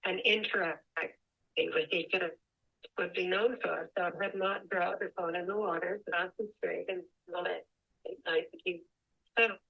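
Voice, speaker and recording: A woman reads her prepared talk over a remote call, steady and measured in her delivery. Her call audio keeps breaking up and dropping out. The line is dull and lo-fi. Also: on the low side, creaky, husky. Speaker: whale researcher presenting remotely.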